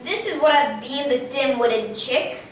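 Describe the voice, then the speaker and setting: A woman's voice: moderate pace, lightly acted. A woman voicing a sly, greedy male fox in a picture book she reads aloud, gloating and sneering. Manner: gloating, sneering storybook villain voice. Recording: very echoey room, far from mic, faint rumble.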